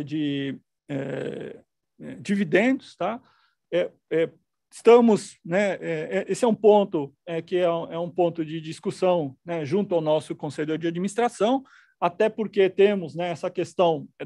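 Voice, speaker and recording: A man's voice: a little high, gravelly, darkish tone, no echo, studio quality. A man, a company executive, answering analysts on an earnings call with many fillers and restarts.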